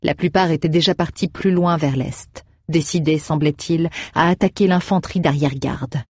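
A man reading a fantasy novel aloud in steady, measured narration. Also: a little high, slightly rough, no echo, studio quality. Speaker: audiobook narrator. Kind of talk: audiobook narration.

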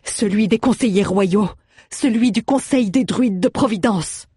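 A blustering, arrogant royal counselor, put on by a woman reading the story aloud. The voice is pushed higher and louder in indignation, with a husky edge over a dry, close sound. He comes across as a self-important audiobook official. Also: unhurried, no echo. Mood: indignant. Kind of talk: audiobook character voice.

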